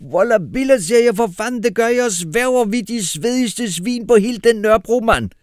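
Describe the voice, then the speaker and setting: A man voicing a loud, boastful young man who shouts in street slang. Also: very high-pitched, dry recording, clean studio sound, voice pushed up. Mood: rowdy.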